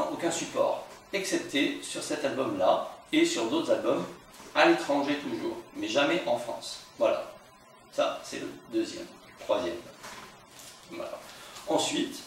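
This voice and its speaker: A man's voice: medium pitch, far from the mic, slight background noise. Chatty man in an echoey room. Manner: chatty, rambling with fillers and restarts. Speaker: record collector presenting albums. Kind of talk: casual video presentation to friends. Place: room at home.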